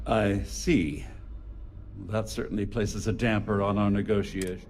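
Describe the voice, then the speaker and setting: A man playing a pompous, calculating gentleman villain in a video game, speaking in wordy, deliberate phrases. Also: fairly low pitch, fairly even intonation, a little hiss or hum, lightly acted. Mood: smug, probing. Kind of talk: video game dialogue acting. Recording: music behind the voice.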